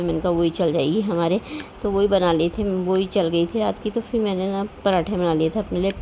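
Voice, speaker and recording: Mellow-voiced woman rambling on about her cooking, homey chatty vlog, bit of hiss behind. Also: medium pitch. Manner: chatty, rambling, homely storytelling. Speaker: vlogger. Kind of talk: casual voice-over cooking vlog.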